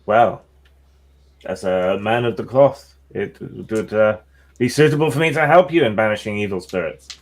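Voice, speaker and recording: A man's voice: fairly low pitch, normal speed. A man playing a formal, courteous cleric. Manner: formal, polite diplomatic speech.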